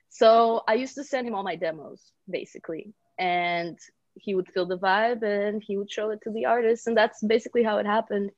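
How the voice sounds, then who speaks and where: A woman's voice: medium pitch, a little mellow, no echo, lo-fi sound. A young woman who grew up in Brazil, a singer-songwriter guest chatting casually on a podcast and laughing often. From Bulgaria, raised in Brazil.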